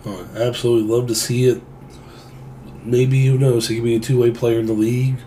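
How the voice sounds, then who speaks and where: A man hosting a casual sports podcast, with a raspy voice that sounds under the weather. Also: medium pitch, level tone, brisk, warm tone, slight background noise. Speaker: podcast host.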